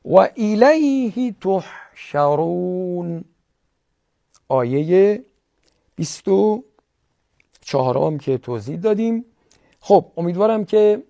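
A man with a Persian accent teaching tajweed, explaining each rule and then reciting the phrases slowly and drawn out. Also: fairly high pitch, vocal fry, dark tone. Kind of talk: tajweed lesson with slow recitation.

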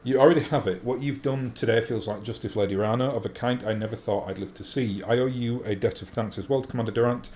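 A man voicing an honourable noble lord from a video game, formal, measured and stately. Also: mid-range voice, darkish tone, close to an everyday voice. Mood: grave, grateful. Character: courteous noble lord, grave, grateful, honourable. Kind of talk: reading game dialogue aloud in character. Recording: faint background noise.

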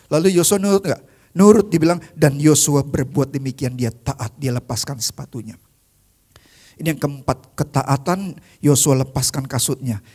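A man preaching a youth service sermon in a church, telling Bible stories in an animated way that swings from loud to very soft, with English phrases mixed in. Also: high-pitched.

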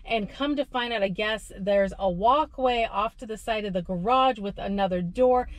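A woman with a mid-range voice speaks at normal speed, with no echo. She's a delivery driver in her thirties chatting casually to the dashboard camera in her parked car, gesturing as she narrates her vlog.

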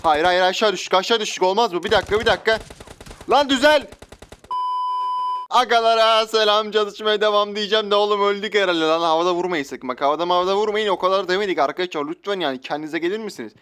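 A young man giving loud, joking commentary while playing a shooter game, often shouting out at sudden moments. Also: high-pitched, fairly even intonation, rapid-fire, few pauses, a little hiss or hum. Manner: loud outbursts, joking, slangy. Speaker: gaming YouTuber. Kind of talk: excited gameplay commentary. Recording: faint game sounds and gunfire.

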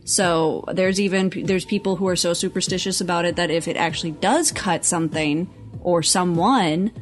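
A woman co-hosting a casual podcast chat, relaxed and storytelling, often finishing her partner's sentences. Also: lowish voice, normal speed, soft background music. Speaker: podcast co-host.

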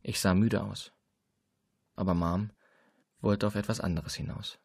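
A man reading a first-person novel aloud as audiobook narrator, in a measured, subdued way. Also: fairly low pitch, steady tone, creaky, darkish tone, slightly rough, dry recording, studio quality.

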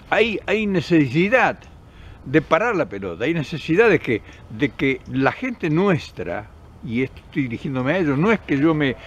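With a slightly high, somewhat rough voice and lively pitch, an older man with an Argentine accent gives fervent political commentary to a close camera in the countryside by a forest path. He talks earnestly with his hands, repeating words and starting over often. The audio is dull.

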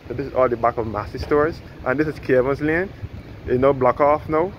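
This guide talks fairly quickly in a mid-range voice, wandering through casual commentary on a walking tour along a sunny harbour boardwalk and often fixing his own words. Wind muffles the outdoor recording.

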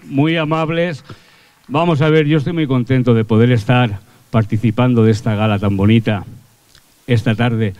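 A man's voice: mid-range voice, steady tone, normal speed, darkish tone, clean tone, no echo. Older male comic telling folksy jokes. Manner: chatty, folksy storytelling with crude slang. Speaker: stage comedian and singer. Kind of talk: live stand-up joke telling. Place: theatre amphitheatre stage.

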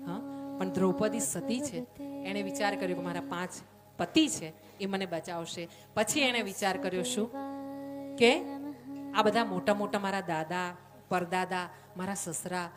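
A woman with a Gujarati accent giving a devotional katha sermon in an emphatic storytelling manner, rising to loud fervor at the climaxes. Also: medium pitch. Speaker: katha preacher. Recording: loud devotional music behind.

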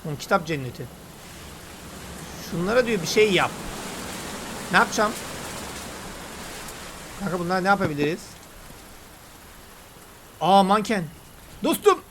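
A man talking excitedly and casually while he plays a game and comments on it. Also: sits high. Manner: chatty, excitable, slangy banter. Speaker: gaming YouTuber. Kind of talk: let's play commentary.

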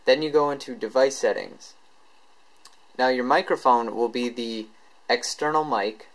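A man with a medium-pitched voice walks through a tech tutorial in a loose, unscripted way, pausing haltingly as he explains each step. The recording quality is poor.

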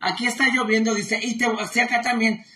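A woman's voice: on the high side, fairly even intonation, brisk, pushed and bright. A woman hosting a live stream in a casual, affectionate, chatty way, reading out viewer comments with lots of fillers. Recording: roomy echo.

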